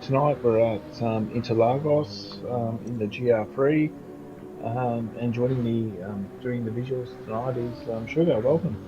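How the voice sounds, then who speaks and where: A man hosting and commentating a sim racing stream in a relaxed, hesitant way with many ums. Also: medium pitch, a little slow, over music. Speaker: race commentator and host. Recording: dull lo-fi mic with noise.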